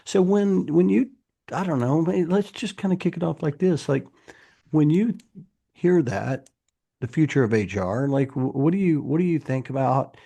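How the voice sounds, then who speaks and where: Man, podcast host, gravelly, husky, casual interview chat, encouraging. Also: fairly high pitch, expressive, normal speed, mellow. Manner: affirming, lots of murmured agreement.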